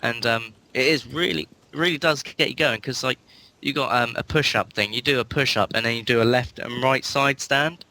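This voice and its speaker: A man's voice: mid-range voice, normal speed, bright, forceful tone. A man with an English accent chatting casually as a panelist on a gaming podcast. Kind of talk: casual chat.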